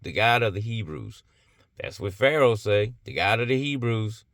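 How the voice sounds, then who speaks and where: A man's voice: on the low side, animated, moderate pace, fairly bright tone, dry recording, studio quality. A man giving an impassioned religious monologue, emphatic and blunt, firing off rhetorical questions and swearing freely.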